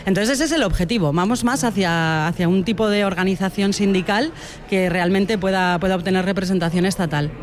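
A beekeeper and environmental educator from Huesca, in Aragón, Spain, answers questions in a radio interview. Her medium-pitched voice moves a little fast, and she comes across as thoughtful and earnest, often using tag questions.

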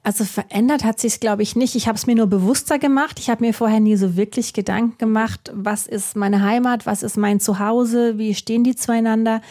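Author interview: woman from Baden-Württemberg, slightly high and mellow, reflective and musing. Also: steady tone, fairly quick, hardly any pauses. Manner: thoughtful, musing, with rhetorical questions.

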